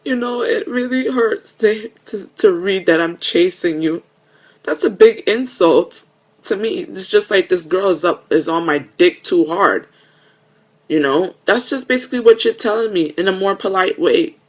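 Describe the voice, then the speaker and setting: A woman's voice: medium pitch, expressive. Earnest, emotional woman vlogger. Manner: earnest, emotional, halting with repeated restarts. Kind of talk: confessional video message.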